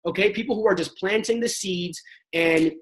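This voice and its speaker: Speaking at normal speed in a high voice, a young man from a network marketing panel gives a slangy, casual motivational training talk. He coaches emphatically and acts out example chats, though the recording is rough.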